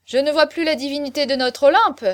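A woman reading aloud, voicing a drunk young nobleman who keeps insisting on being heard, in a loud and pushy tone. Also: high-pitched, animated, normal speed, no room sound. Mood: tipsy, insistent.

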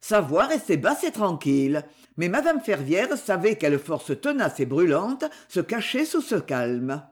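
An audiobook narrator giving a slow, expressive literary reading. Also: medium pitch, breathy edge.

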